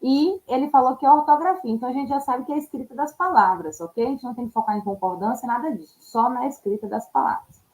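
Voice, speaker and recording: Woman, teacher, slightly high voice, patient step-by-step explaining, frequent check-in tags. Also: quick pace, a little mellow, poor audio. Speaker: Portuguese teacher. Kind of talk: exam-prep lesson.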